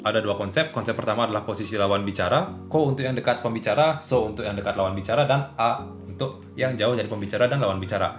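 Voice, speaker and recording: A man's voice: lowish voice, quick pace, hardly any pauses. A man giving a casual language lesson who explains plainly and acts out short example dialogues. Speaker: Japanese language teacher. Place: indoor room at home. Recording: roomy home room with faint music.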